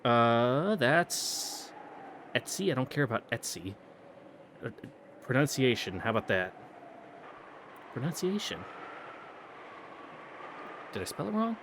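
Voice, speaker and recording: A man's voice: medium pitch, big pitch swings, measured pace, noisy background. A man reading a visual novel aloud, breaking off for casual, self-mocking asides and puzzling over pronunciations. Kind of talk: read-through with joking asides.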